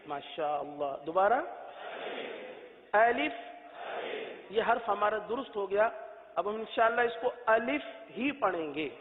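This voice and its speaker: Male recitation teacher, high voice, drawn-out sung letters, thin tinny audio. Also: animated. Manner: asks and answers his own questions. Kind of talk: patient spoken lesson. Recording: tinny phone-like echoey audio.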